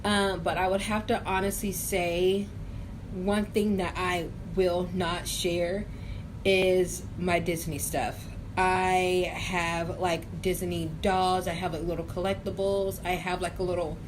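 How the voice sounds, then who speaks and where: A young woman hosting a casual question-and-answer vlog, chatty and hedging, with drawn-out phrasing. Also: lowish voice, little pitch movement. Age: young adult. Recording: noisy room ambience.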